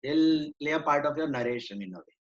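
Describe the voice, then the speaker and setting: A man's voice: a little high, animated, extremely slow, muffled recording. A man teaching an online accounts class, switching between Hindi and English and quizzing his students.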